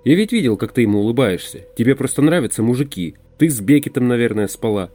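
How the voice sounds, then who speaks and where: A man's voice: medium pitch, animated, fast, dark tone, faint music behind, pitched above the performer's own voice, lightly acted. A man playing an irritable, sarcastic journalist in an audiobook. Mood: angry. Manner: curt, sarcastic. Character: irritable modern male journalist.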